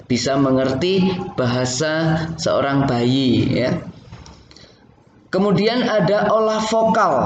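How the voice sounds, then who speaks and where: A man gives a theater lesson at an unhurried, deliberate pace, speaking directly to his students. His fairly high voice rings in an echoey room, and the recording sounds a little dull. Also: slight background noise. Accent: Indonesian. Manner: slow, explanatory, addresses students directly. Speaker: teacher.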